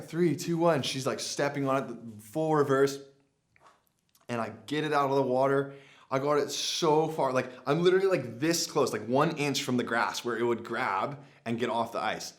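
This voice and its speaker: A man's voice: mid-range voice, moderate pace. A young man vlogging, telling a story casually to camera with lots of filler words and acted-out quotes. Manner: animated, many "like" fillers, acts out his own past lines. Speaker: adventure vlogger.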